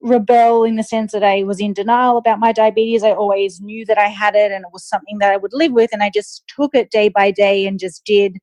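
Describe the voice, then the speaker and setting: A woman from Australia with an Australian accent, a guest in a casual interview, talking in a relaxed way with frequent ums and likes. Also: mid-range voice, brisk, hardly any pauses, no room sound. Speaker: guest, nutritionist.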